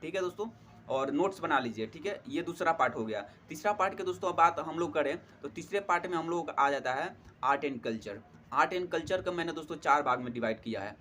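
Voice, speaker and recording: Fast, expressive, and bright, this young man's slightly high voice carries a forceful tone over a little hiss or hum. As an exam prep tutor, he gives casual study tips in a friendly way, packed with fillers and frequent "theek hai doston."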